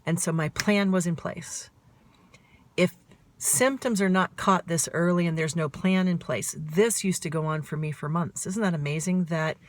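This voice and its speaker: A middle-aged woman talking straight to camera in a fast, emphatic way, asking herself questions and answering them. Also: fairly low pitch. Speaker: author and mental health advocate. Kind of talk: self-recorded talk to camera.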